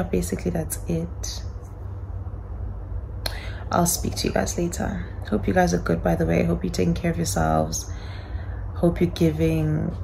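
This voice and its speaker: A young adult woman vlogging casually to camera in her apartment, talking softly and wearily, soothing herself. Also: fairly low pitch, vocal fry, slight background noise, low-quality recording. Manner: soft, tired, self-soothing. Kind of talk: casual vlog talk to camera. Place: small apartment indoors.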